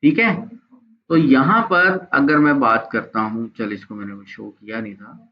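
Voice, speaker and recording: A man teaching a live online graphics software class, chatty and encouraging, often checking in with his students. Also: mid-range voice, a little slow, lo-fi sound, a little hiss or hum.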